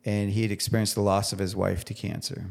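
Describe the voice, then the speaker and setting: A man's voice: on the low side, little pitch movement, fast talker, gravelly. A man talking as a guest on a podcast, earnest and emphatic in casual conversation, at times moved to the edge of tears. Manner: heartfelt, gets teary.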